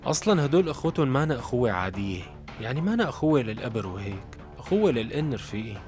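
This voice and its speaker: A man's voice: medium pitch, very animated, very fast, over music, lightly acted. A man dubbing a sarcastic teenage schoolboy in a TV drama. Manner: sarcastic, needling. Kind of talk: dubbed TV drama.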